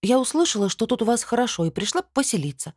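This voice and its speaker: A woman's voice: fairly high pitch, very animated, fast talker, dry recording, clean studio sound, voice pushed up. Woman playing a feisty young girl in animal form. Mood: defensive. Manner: snappy, defensive replies.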